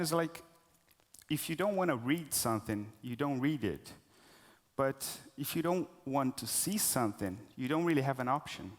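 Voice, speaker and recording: A man speaks at a conference with a mid-range voice, and his words ring out in a hall with a long reverb tail. He is openly nervous, hesitant and full of fillers and restarts as he talks to the audience. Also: mid-range voice. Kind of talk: live conference talk.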